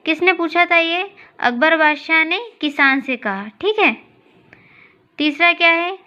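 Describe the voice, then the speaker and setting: A woman's voice: very high-pitched, sharp tone, dull audio. A woman teacher going through a book exercise in a recorded class lesson, patiently asking questions and answering them herself. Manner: slow, patient, asks and answers her own questions. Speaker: school teacher.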